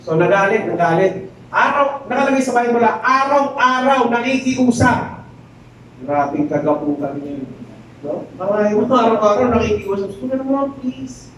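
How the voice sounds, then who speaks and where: High-voiced joking pastor in echoey hall. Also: male voice, normal speed, a little hiss or hum. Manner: animated, joking storyteller acting out quotes. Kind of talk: sermon storytelling. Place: church hall. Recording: very echoey hall, distant mic.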